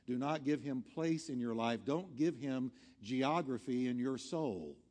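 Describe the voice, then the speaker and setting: A man's voice: mid-range voice, a little slow, darkish tone. A man preaching a sermon as a pastor, earnest and exhorting, driving his points home in short, emphatic, repeated phrases. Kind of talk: sermon with altar call. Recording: long hall reverb, music behind.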